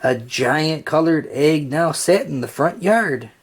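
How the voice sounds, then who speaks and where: A medium-pitched voice with a breathy edge reads a children's picture book aloud, taking a slow, expressive storyteller's approach.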